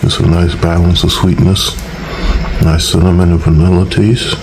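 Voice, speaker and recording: A man's voice: sits low, flat delivery, moderate pace, background noise. A man hosting his own cooking channel, talking casually and teasing his viewers in a playful way. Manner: playful, teasing, petty humor.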